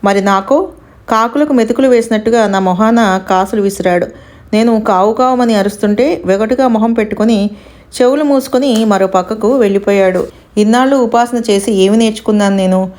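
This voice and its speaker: A woman's voice: medium pitch, brisk, darkish tone, natural voice. A woman voicing a remorseful, devout male scholar in an anguished, self-reproaching tone. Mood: lamenting.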